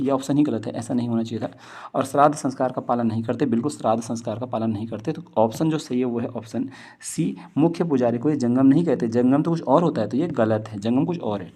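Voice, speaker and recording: A man with a mellow, mid-range voice walks through history exam questions, reading each multiple-choice question and its options aloud before explaining the answer. He often repeats key points and mixes English words and phrases into his speech.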